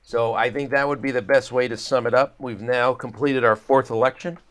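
A male guest analyst with a medium-pitched voice, giving conversational commentary in an interview. His delivery is wry and halting, often circling back to repeat words. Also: steady tone, fairly bright tone. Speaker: guest political analyst and pollster.

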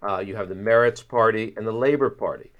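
A man speaking as a guest political analyst in conversational interview commentary, wry, with halting repeats. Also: lowish voice, fairly bright tone, lo-fi sound.

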